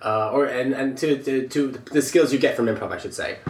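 A man on a casual panel talks fast, rattling through an animated story and acting out the voices of the people in it. His voice sits at a middle pitch and rings a little in a roomy space. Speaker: panel guest. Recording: roomy echo.

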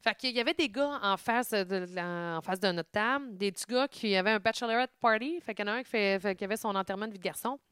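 A young woman with a Québécois French accent telling an animated story in casual chat, swearing freely. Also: mid-range voice, fast talker, hardly any pauses, smooth, no echo, studio quality.

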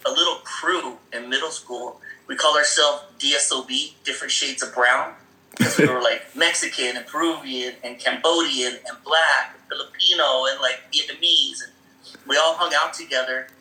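Here a Seattle-area guest speaks at normal speed in a mid-range, steady, bright and forceful voice, casually recounting his childhood with lots of fillers, laughter and impersonated voices as he rambles. The sound is echoey and low-quality.

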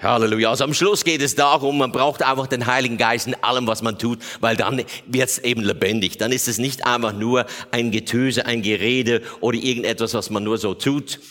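Man, preacher, sermon, lively, bright tense voice, long echoing hall. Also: brisk, hardly any pauses. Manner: lively, acts out quoted prayers in a higher voice.

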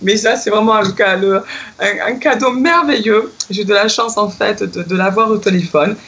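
A middle-aged woman recounting a memory in a relaxed conversation. She gets excitable, laughs easily and leaps up in pitch when she acts out what people said. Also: normal speed, muffled recording. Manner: excitable, laughs often, lively acted-out quotes. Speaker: guest telling a personal story. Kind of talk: casual storytelling chat.

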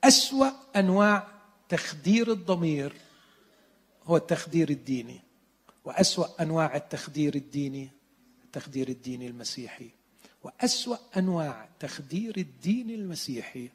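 A pastor with an Egyptian Arabic accent who preaches earnestly and with slow emphasis, sometimes dropping to a whisper. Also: male voice, a little high, expressive, husky. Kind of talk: sermon. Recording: long hall reverb.

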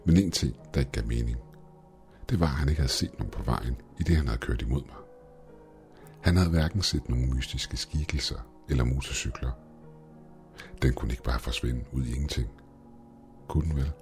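A man's voice: a bass voice, long pauses, darkish tone. A man narrating a first-person horror story in a tense, scripted storytelling manner. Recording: faint background music.

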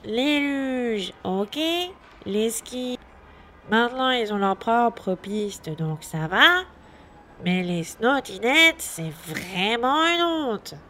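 A woman voicing grumpy grown-up elves who complain in a drawn-out, grumbling way. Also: on the high side, lively intonation, sharp tone, slight background noise, pitched above the performer's own voice, heavily acted.

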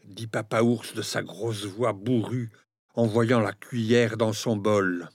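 A man reading a children's fairy tale aloud, very expressive, and now and then speaking straight to his listeners. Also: fairly low pitch, slow pace, slightly rough, no echo, clean studio sound. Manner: expressive, addresses listeners directly. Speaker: storyteller.

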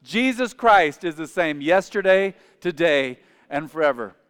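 A man's voice: on the high side, lively intonation, a little slow, fairly bright tone, smooth. A man in his forties preaching a sermon as pastor, calling on the congregation to repeat phrases after him. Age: 40s. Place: church sanctuary. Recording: long reverb of a large hall.

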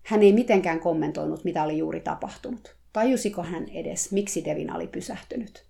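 Low, gravelly woman narrating a story. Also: mellow. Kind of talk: first-person story reading.

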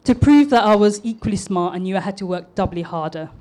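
A woman's voice: mid-range voice, expressive, fast, mellow. A woman in her thirties from East London with a polished southern English accent, giving a prepared public talk in an earnest, slightly nervous way with small restarts. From East London, England. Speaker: public speaker and architect.

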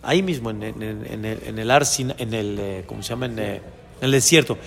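A man, a rabbi giving an animated sermon who acts out little dialogues. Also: lowish voice, brisk, creaky. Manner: animated, acts out dialogues between father and son. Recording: long hall reverb.

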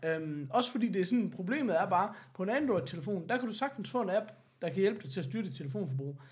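A man's voice: high voice, expressive. A man co-hosting a podcast, talking in a casual, opinionated way and slipping into mock voices to quote people. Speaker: podcast co-host. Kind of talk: casual chat.

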